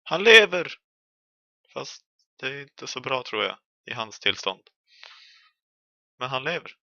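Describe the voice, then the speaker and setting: Young Swedish man, gravelly and bright, casual horror let's play chatter with yelps. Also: mid-range voice, dry recording, highs cut off. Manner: chatty, jokey, yelps and shouts when chased. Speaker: gaming streamer.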